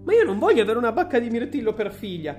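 A woman's voice: sing-song, fast talker, darkish tone, faint music behind. A woman voicing a frantic, shrieking middle-aged mother in a storybook reading. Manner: screeching, panicked, very high.

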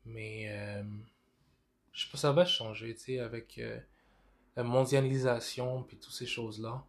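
Man, québécois accent, casual chat, code-switching, halting restarts. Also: mid-range voice, fairly even intonation. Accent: Québécois French.

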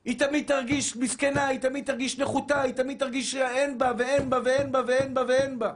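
A man preaching a Torah sermon as a rabbi, fervent and shouting, repeating phrases for emphasis and calling listeners his brothers. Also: very high-pitched, flat delivery. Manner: addresses listeners as brothers and dear souls.

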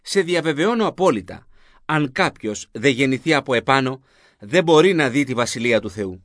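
Jesus, a man reading a calm male teacher. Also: mid-range voice, dry recording, clean studio sound, natural voice. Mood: solemn. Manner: measured, solemn reading of spoken lines. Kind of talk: scripted Bible reading.

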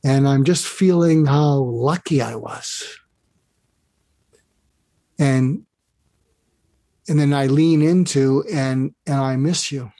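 A man's voice: medium pitch, slow pace, pauses often, no room sound. Earnest man guiding a listener, dry sound. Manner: warm, earnest, guides the listener through an exercise; often repeats words and restarts phrases. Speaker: podcast guest. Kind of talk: casual interview talk.

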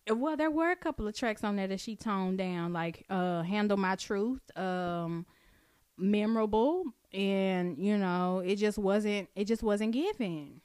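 A woman's voice: mid-range voice, unhurried, a little mellow, clean tone, dry recording, clean studio sound. A woman co-hosting a casual chat podcast, blunt and slangy, laughing often. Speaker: podcast co-host.

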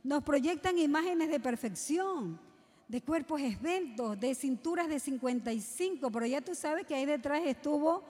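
Woman preacher, high voice, rhetorical questions, long hall reverb. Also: animated, moderate pace, darkish tone. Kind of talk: sermon to young people.

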